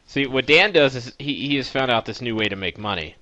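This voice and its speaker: A man's voice: mid-range voice, fairly quick, sharp tone, no room sound, dull audio. A man hosting a casual podcast chat, animatedly retelling his friends' antics. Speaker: podcast host.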